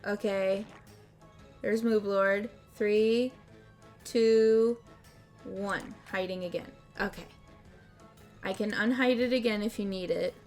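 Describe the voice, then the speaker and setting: An easygoing woman hosts a casual game livestream, chatting at a middle pitch. Music plays softly behind her relaxed, offhand talk. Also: unhurried, long pauses. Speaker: streamer and host. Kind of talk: casual livestream chat while playing party games.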